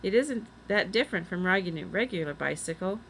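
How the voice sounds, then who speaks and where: A woman's voice: fairly low pitch, expressive, fairly quick, fairly bright tone, a little hiss or hum, poor audio. A woman reading the part of a young boy in a storybook, earnest and a little anxious.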